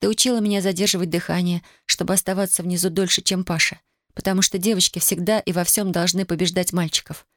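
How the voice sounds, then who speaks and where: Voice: mid-range voice, steady tone, fast talker, fairly bright tone, no echo, close to an everyday voice. A reader voicing a stubborn young woman grieving in wartime, in a dry studio audiobook recording. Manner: cold, insistent, pleading. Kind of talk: audiobook character voice.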